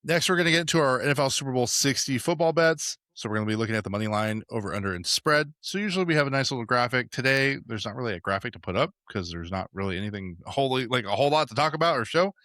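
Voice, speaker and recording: A man's voice: medium pitch, animated, fast talker, few pauses, bright, forceful tone, no echo, studio quality. A young man hosting a casual sports podcast, talking loosely with lots of fillers and restarts. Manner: rambling, many fillers. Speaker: podcast host.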